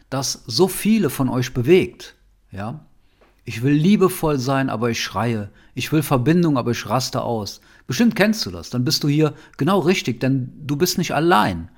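A man hosting his own podcast as a nonviolent communication trainer, speaking in an earnest, heartfelt monologue that often ends with a soft questioning "ja?". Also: medium pitch.

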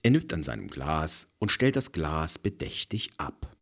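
A man narrating a scripted story scene in a calm, measured way. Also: extremely low pitch, vocal fry.

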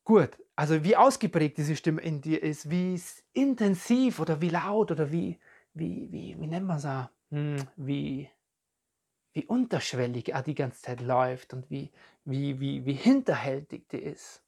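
Calm self-help podcast coach. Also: mid-range voice, moderate pace, creaky, breathy edge. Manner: calm, searching for words, repeats phrases. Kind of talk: reflective self-help talk addressed to the listener. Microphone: podcast and video recording.

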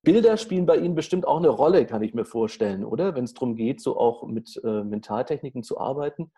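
A man's voice: mid-range voice, lively intonation, brisk, mellow, husky. A man interviewing a guest, asking polite, formal questions.

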